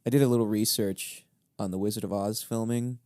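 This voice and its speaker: A young man co-hosting a podcast in casual chat, animated, breaking into loud quoted film lines. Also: fairly low pitch, brisk, dry recording, studio quality. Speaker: podcast co-host.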